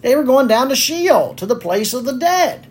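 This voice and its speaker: A man's voice: extremely high pitch, big pitch swings, moderate pace. A man preaching a sermon on a psalm, earnest and pleading, with many fillers and restarts.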